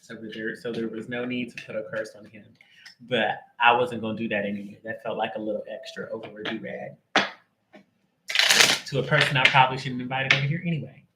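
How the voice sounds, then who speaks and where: A tarot reader hosts a live reading, chatting casually with viewers before it starts, greeting them by name and tossing in jokes. His medium-pitched voice is brisk with fairly even intonation, and there's heavy background noise.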